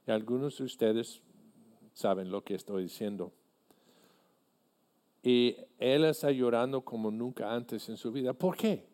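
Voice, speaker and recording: Slow, mellow-voiced male preacher. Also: medium pitch. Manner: earnest, deliberate preaching with halting restarts. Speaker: pastor. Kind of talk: sermon.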